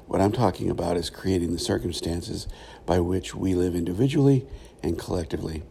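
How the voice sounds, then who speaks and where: Low, gravelly middle-aged man, thoughtful and unhurried. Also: warm tone, slight background noise. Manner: thoughtful, halting, pausing often. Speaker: podcast host, former pastor. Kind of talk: reflective solo podcast monologue.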